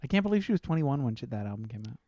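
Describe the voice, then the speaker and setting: A woman's voice: a bass voice, sing-song, rapid-fire, warm tone. A woman in her twenties co-hosting a podcast, chatting casually, playful and swearing freely. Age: 20s. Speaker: podcast co-host. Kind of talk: casual chat.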